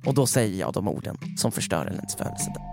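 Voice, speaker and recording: A man co-hosting a podcast who tells a story with animated energy and acts out the other people's lines. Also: on the low side, music in the background. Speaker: podcast co-host. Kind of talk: casual storytelling chat.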